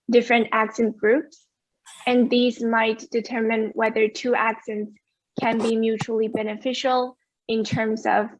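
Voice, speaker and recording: A woman giving an academic conference presentation over a video call, explaining results clearly. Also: a little high, no room sound, dull audio. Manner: clear, explanatory, asks for next slide.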